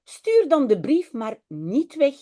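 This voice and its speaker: A woman's voice: sits high, wildly swooping pitch, takes it slowly, warm tone, heavily acted. A woman voicing a small, eager and slightly naughty boy in a children's storybook.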